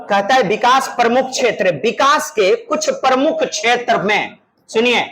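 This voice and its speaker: A man's voice: very high-pitched, moderate pace, a bit bright, low-quality recording. A middle-aged male teacher leading an online exam-prep class, drilling his students by repeating terms and calling out prompts for them to answer.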